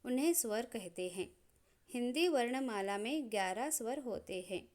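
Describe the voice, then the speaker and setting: A woman giving a grammar lesson, explaining calmly and listing sounds one at a time in a measured way. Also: fairly high pitch. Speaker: grammar teacher.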